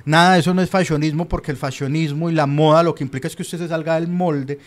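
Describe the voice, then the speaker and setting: A man's voice: a little high, steady tone, quick pace. A young man with a Colombian paisa accent, co-hosting a casual chat, rambling and opinionated with lots of slang. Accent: Colombian paisa Spanish. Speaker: podcast co-host.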